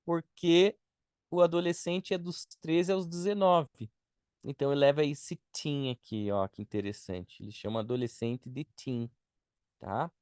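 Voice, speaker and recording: A man with a Brazilian Portuguese accent leads a live online beginner lesson. He talks at an unhurried pace, repeating each word patiently so students can copy it. The recording is dry, with no room echo. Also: on the high side, a little mellow, smooth. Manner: patient, repeats words slowly to model pronunciation. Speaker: English teacher.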